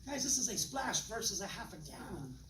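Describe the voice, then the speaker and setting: A man's voice: high-pitched, brisk, crowd noise. Male presenter, folksy live-demo patter, acts out dialogues; distant, roomy, noisy capture. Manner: folksy, animated, acts out dialogues with changing voices. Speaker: presenter demonstrating water machines. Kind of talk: live sales demonstration to an audience. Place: room with a live audience. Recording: echoey room, distant mic, loud background noise.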